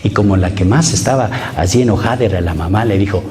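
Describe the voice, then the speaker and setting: A man's voice: fairly low pitch, fast, warm tone. A middle-aged man preaching as a priest, emphatic, repeating phrases and putting questions to the congregation. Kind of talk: sermon.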